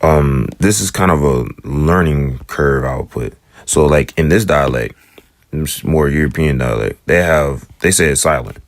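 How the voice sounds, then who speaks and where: A man with a remarkably deep, low voice talks through a lesson in a loose, conversational way, often stopping to slowly repeat sounds. The recording is dry and close, with no room echo. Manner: relaxed, rambling explanations with slow drawn-out sound demonstrations. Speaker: Hebrew teacher. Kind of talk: casual spoken lesson.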